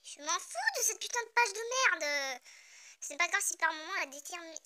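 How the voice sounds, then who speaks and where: Very high, bright-voiced excitable young woman. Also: normal speed. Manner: excitable, swears casually, stumbles over names and talks to herself. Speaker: manga reader reacting. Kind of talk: reading a manga chapter aloud with live reactions.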